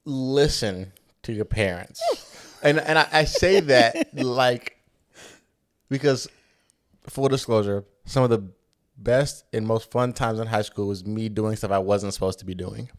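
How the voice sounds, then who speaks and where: A man in his early twenties co-hosts a podcast, chatting casually in informal, slangy language. His voice is mid-range and unhurried.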